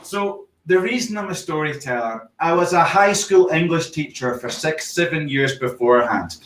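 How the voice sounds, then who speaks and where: Scottish man giving a lively talk. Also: a little high. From Scotland. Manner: lively, engages audience with quick questions. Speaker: conference speaker on storytelling. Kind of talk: live online conference talk. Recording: echoey, distant from the mic.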